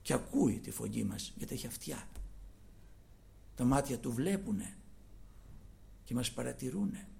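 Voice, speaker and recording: A male preacher giving a sermon, dropping to hushed murmurs and then rising to loud, fervent exhortation. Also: mid-range voice, sing-song, gravelly, pauses often.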